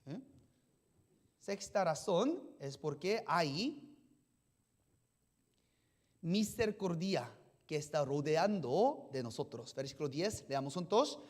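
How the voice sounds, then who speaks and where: Pastor, sermon, rhetorical questions, frequent check-ins with listeners, halting phrasing. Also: medium pitch, lively intonation, a little mellow. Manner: keeps asking the congregation questions and checking in with "yes?"; simple, halting phrasing with restarts.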